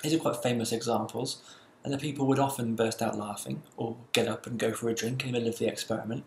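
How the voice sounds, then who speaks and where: A man delivers a university lecture at a mid-range pitch, explaining step by step with the odd "uh". The recording picks up a roomy echo and a faint hiss underneath. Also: steady tone, vocal fry. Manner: explanatory, measured, with some fillers.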